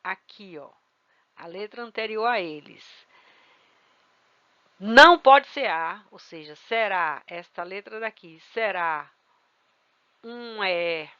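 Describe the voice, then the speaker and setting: Professora didática, som seco e abafado. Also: female voice, medium pitch, expressive, takes it slowly, pauses often, pushed and bright, no echo, muffled recording. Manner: explanatory, spells out letters, checks understanding with "tá?" and "claro?". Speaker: Portuguese teacher. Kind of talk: classroom grammar lesson.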